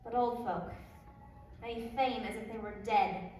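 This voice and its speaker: A woman's voice: on the high side, unhurried, darkish tone, soft background music, natural voice. A teenage girl acting as an eager, impatient young girl in love in a school stage play. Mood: longing. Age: teens. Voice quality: eager, pleading delivery. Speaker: student actor. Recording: echoey hall, distant mic.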